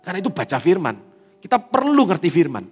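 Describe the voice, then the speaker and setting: Man, Indonesian accent, pastor preaching, high voice, animated delivery, reverberant church hall. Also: fast, slightly rough. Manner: animated preaching, acts out tearful prayers. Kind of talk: sermon. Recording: reverberant hall with faint music.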